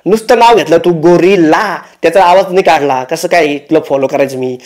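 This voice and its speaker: A man's voice: a little high, a little fast, darkish tone. A man hosting a comic roast, teasing and mocking the people in the clips he reacts to. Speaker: roast host.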